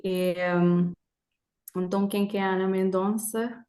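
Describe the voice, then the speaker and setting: A woman's voice: medium pitch, steady tone, unhurried, warm tone. A woman from Portugal and Verde, a guest talking cheerfully and spontaneously, rambling with many fillers. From Portugal and Cape Verde. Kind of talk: live conversation.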